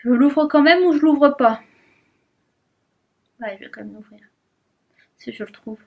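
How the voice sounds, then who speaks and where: A woman's voice: high-pitched, unhurried, highs cut off. A young woman chatting casually in a vlog at her desk at home, giggly and talking to herself as she unboxes things. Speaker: vlogger.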